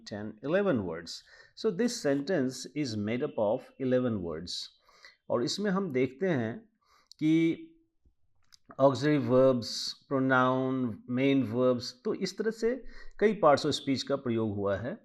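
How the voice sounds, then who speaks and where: Indian man as a language teacher, very slow, deliberate lecture delivery with "uh"s. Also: medium pitch, darkish tone. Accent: Indian English. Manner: slow, deliberate, explanatory with frequent fillers. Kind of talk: classroom lecture mixing Hindi and English.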